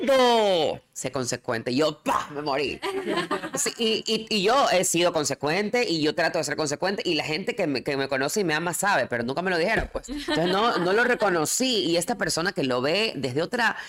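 A woman's voice: on the low side, moderate pace. A woman hosting a casual chat, telling her own experiences openly and with lots of restarts. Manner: open, animated storytelling with frequent restarts.

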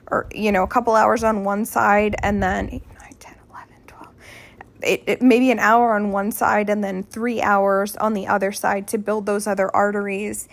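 A woman podcast host casually telling a candid personal story, chatty and rambling, restarting her sentences as she goes. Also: medium pitch.

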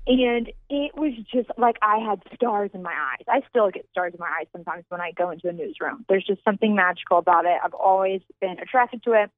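A young woman from Louisville, a TV news reporter calling in as a guest, teasing the host with quick, playful banter. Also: mid-range voice, no echo. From Louisville, Kentucky, US. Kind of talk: casual radio banter. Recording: phone line.

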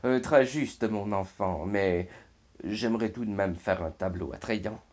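A man voicing a thoughtful yeti painter in a children's storybook, slow and musing. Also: fairly low pitch, darkish tone.

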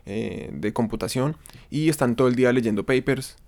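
A man's voice: medium pitch, normal speed, a little mellow. A man with a Colombian accent telling stories casually in conversation, with slang, swearing and bits of acted-out dialogue. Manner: slangy, profane, acts out quoted dialogue. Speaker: interview guest.

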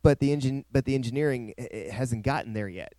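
A man's voice: medium pitch, fast, warm tone, no room sound. Man preaching a sermon. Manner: preaching with rising, emphatic swells. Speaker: pastor.

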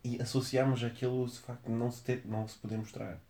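Young man, European Portuguese accent, casual debater who repeats himself; fast, dark-toned delivery. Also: medium pitch, level tone. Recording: echoey room.

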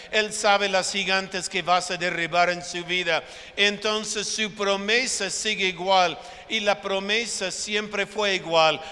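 A man delivering a sermon at an unhurried pace, his voice pitched high and bright. He repeats key phrases and slips into short acted-out exchanges with his congregation. The room is a large church hall with a long, echoing reverb. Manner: preaching with emphatic repetition and acted-out dialogue. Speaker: pastor.

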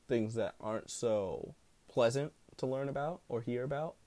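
A man with a smooth voice hosting a solo podcast in casual, rambling talk full of slang and swearing. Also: mid-range voice, normal speed, warm tone, no echo. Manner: profane, slangy. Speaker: podcast host.

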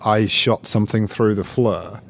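A man's voice: fairly low pitch, steady tone, unhurried, vocal fry, a little hiss or hum. Rambling man telling stories. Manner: rambling, many restarts, laughs easily. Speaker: guest, researcher. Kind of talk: casual interview chat.

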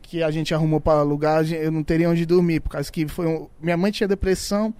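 A man's voice: on the high side, fairly even intonation, quick pace, mellow, clear, resonant tone, dry recording. Slangy man telling stories. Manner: slangy, acts out dialogue in his stories. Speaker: funk music producer. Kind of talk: casual podcast storytelling.

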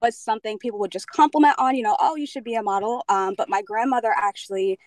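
Woman, 20s, from Jamaica, raised in Pennsylvania; relaxed interview guest on a video call, lots of "um", dry close sound. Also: fairly high pitch, fast, no echo. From Jamaica, grew up in Pennsylvania. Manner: relaxed, many "um" fillers, easygoing. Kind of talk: casual interview answers.

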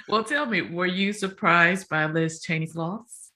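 A woman's voice: fairly low pitch, takes it slowly, pushed and bright. A woman co-hosting a political talk podcast, teasing her co-host and laughing often. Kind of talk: casual political discussion.

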